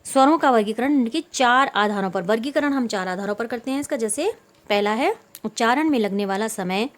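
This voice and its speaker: A woman's voice: a little high, animated, a little fast. A woman teacher explaining grammar patiently to pupils, repeating points and answering her own questions, with English words mixed in. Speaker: school Hindi teacher. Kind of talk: online class lesson.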